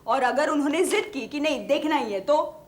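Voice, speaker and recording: An actress playing a quick, scheming and bossy wife in a TV sitcom. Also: female voice, sits high, a little hiss or hum, lightly acted. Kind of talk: TV sitcom acting.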